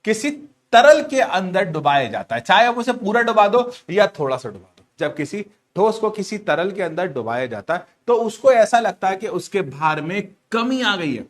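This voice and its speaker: Animated high-voiced teacher. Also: male voice, normal speed, few pauses. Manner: animated, teasing, repeats key words as questions. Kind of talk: lively storytelling lecture.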